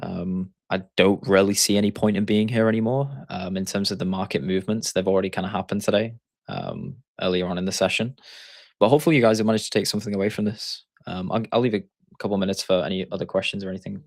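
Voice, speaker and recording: A deep, creaky voice speaks fast in a dry, studio-quality recording. The man is a Yorkshire-accented trading coach from England hosting a live stream, thinking aloud while he explains charts.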